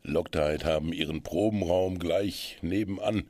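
A man presenting a community radio magazine in a calm, measured manner. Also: deep voice, no echo. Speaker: radio host. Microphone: studio microphone.

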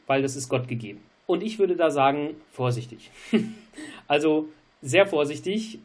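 Earnest German man explaining theology. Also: medium pitch. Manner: earnest, explanatory, repeats key phrases. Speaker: podcast co-host. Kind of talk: theological discussion.

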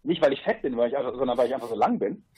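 Fast-talking husky man, lo-fi. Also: mid-range voice, lively intonation, darkish tone. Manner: rambling, explains with asides and fillers. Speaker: guest, paddler on a long river trip. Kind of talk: casual podcast interview.

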